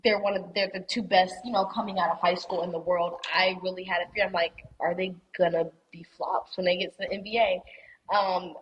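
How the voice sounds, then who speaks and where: A young woman chatting as a podcast guest, talkative and thinking out loud with repeated words. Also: lowish voice, dull audio, a little hiss or hum. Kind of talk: casual chat.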